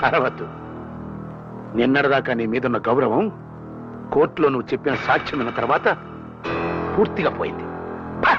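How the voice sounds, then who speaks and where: A man's voice: medium pitch, fairly quick, pauses often, natural voice. An actor playing a rich, scheming villain who mocks others and drops English words into his speech, heard as dull film audio over a music score. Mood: mocking. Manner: mocking, sprinkles English words.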